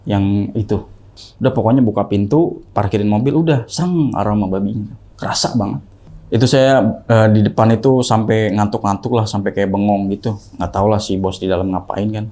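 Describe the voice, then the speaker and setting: A young man telling a ghost story in casual talk, acting out the quoted voices in a higher pitch. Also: normal speed. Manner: animated, acts out the quoted voices with rising pitch. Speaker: guest storyteller.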